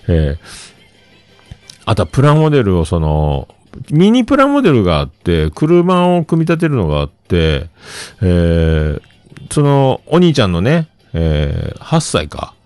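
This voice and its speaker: Low-voiced man in his fifties. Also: measured pace, dry recording. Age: 50s. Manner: animated, rambling anecdotes with many fillers. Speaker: livestream host. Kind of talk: casual solo storytelling.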